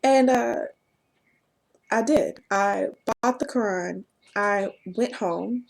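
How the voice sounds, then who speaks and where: A woman telling her personal story to camera in an earnest, halting way, often laughing at herself. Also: mid-range voice, creaky. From Southern United States. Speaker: vlogger.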